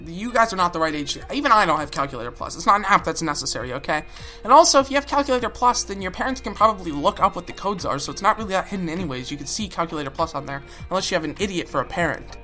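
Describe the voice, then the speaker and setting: A woman's voice: on the low side, lively intonation, very fast, bright, forceful tone. A young woman hosting a reaction video, talking bluntly and sarcastically and swearing freely. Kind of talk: casual reaction commentary. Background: background music.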